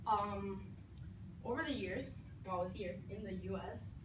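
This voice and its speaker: Distant roomy young woman speaking earnestly. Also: mid-range voice. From Venezuela. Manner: earnest, halting with many fillers. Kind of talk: personal speech. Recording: roomy, distant mic with noise.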